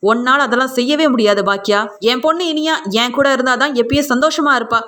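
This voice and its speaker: Woman reading a furious middle-aged dad, hectoring and accusing, high voice, serial retelling. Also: fast talker, a bit bright. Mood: angry. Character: angry middle-aged father, blaming ex-wife.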